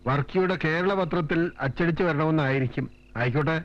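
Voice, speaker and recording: An actor playing a proud, wounded older newspaper editor and father, speaking in a dignified, measured way. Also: fairly high pitch, close to an everyday voice. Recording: dull film soundtrack with soft music.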